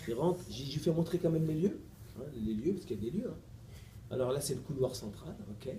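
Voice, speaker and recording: A middle-aged man, a preacher, tells a lively story to his audience, playful and animated, acting out every exchange. His voice sits a little high but stays warm and mellow. The echoey hall carries a faint background hum. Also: quick pace. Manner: animated, playful, laughs often, acts out dialogue. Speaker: preacher giving a lecture. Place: mosque. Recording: echoey room recording with faint ambience.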